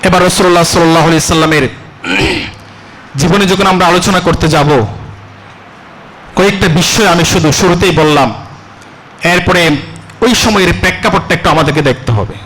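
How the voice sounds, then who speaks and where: A male preacher delivers a sermon in a fairly high voice. He puts rhetorical questions to the congregation and chants Arabic verses slowly. Faint background noise sits behind him. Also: fairly bright tone, poor audio. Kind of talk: Bengali religious sermon (waz).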